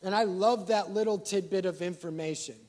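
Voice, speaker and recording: A male pastor with a high voice preaches a little fast, asking the congregation rhetorical questions. He swings from loud emphasis down to quiet asides.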